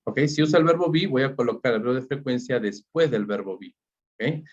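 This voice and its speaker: A man with a Peruvian Spanish accent teaching an English grammar lesson, who keeps checking in with "ok?" and says the English examples slowly. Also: mid-range voice, animated. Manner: checks in constantly with "¿ok?" and "¿no?". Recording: dull lo-fi recording.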